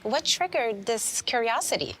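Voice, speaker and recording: A woman's voice: a little high, sing-song, moderate pace, fairly bright tone, a little hiss or hum. A woman hosting an interview show, friendly and encouraging toward her guest. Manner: friendly, encouraging, laughs often. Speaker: host. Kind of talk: interview conversation. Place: studio set with couch.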